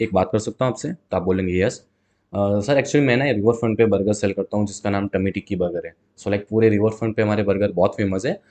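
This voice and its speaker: Telling a story as a guest in an informal interview, a man who sells burgers speaks in a lowish, darkish voice. He's lively in delivery, voices both himself and his customers, and mixes English terms into his talk.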